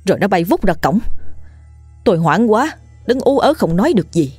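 A woman's voice: medium pitch, very animated, moderate pace, a little mellow, breathy edge, no echo, faint music behind. A woman voicing a frightened middle-aged village man who speaks in a trembling, panicked way. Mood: terrified.

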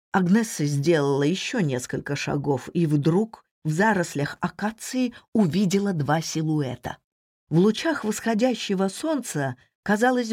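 A woman with a lowish voice reads a novel aloud, measured and expressive. The sound is close and completely dry, with no room around it. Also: slightly rough, no room sound. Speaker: audiobook narrator. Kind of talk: scripted narration.

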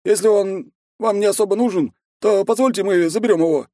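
A man's voice: sits high, a little fast, mellow, no echo, studio quality, voice pushed up, natural voice. A man voicing a wary, folksy middle-aged village headman and warrior who talks in a wheedling, cagey way.

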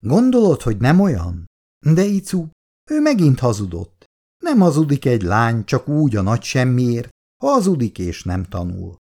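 A man's voice: mid-range voice, wildly swooping pitch, darkish tone. A man voicing a worried middle-aged mother who frets, scolds and laments. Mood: fretful scolding. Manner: fretful, complaining and lamenting.

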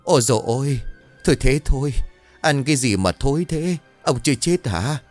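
A man's voice: mid-range voice, animated, moderate pace, soft background music, pitched above the performer's own voice, natural voice. A man voicing a cowardly young male street thug who sobs, pleads and slips into rhymed verse. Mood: disgusted.

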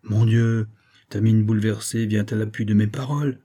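Man reading as a calm young nobleman. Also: on the low side, moderate pace, lightly acted. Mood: grave. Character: young male nobleman, calm and resolute before a duel.

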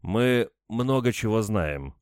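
A man's voice: fairly low pitch, expressive, brisk, clear, resonant tone, no echo, studio quality, pitched above the performer's own voice, lightly acted. Man doing a brusque, impatient interrogator. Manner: brusque, condescending. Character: gruff, impatient male interrogator.

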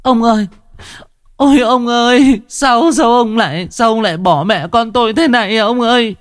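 A man's voice: very high-pitched, normal speed, dry recording, clean studio sound, voice pushed up. A man voicing a frantic grieving village widow, wailing and sobbing as she cries out. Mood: wailing grief.

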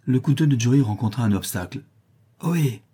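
A man reading a novel aloud as narrator, with steady, measured storytelling. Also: lowish voice, breathy edge. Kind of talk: audiobook reading.

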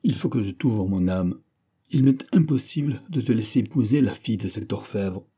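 A man's voice: fairly low pitch, animated, normal speed, dark tone, slightly rough. A man reading the part of an anguished young man wasting away from hopeless love, pleading with his brother in a raised voice.

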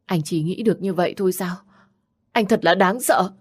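A steady young wife who keeps her head and speaks firmly, read by a woman narrator. Her voice sits low and sounds dry and close. It is an audiobook character. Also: normal speed, husky, no echo. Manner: soothing, firm. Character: calm, loyal young wife.

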